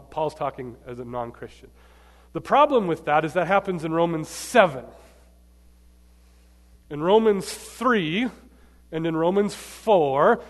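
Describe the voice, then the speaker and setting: Man delivering a lively sermon, slightly high-pitched, punchy swings in volume, audience questions, echoing hall. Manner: emphatic, swings between loud and quiet, quizzes the audience. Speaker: preacher. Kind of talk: sermon to a live congregation. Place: large church hall. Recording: long hall reverb.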